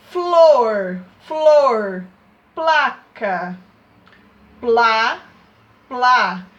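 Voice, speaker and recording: A woman teacher speaks to young children in a slow, unhurried sing-song, coaxing them along with constant little check-in questions. Her voice sits on the higher side, patient and carefully paced, as if walking a class through a lesson step by step. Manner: sing-song, coaxing questions, exaggerated loud demonstration of sounds. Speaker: primary school teacher.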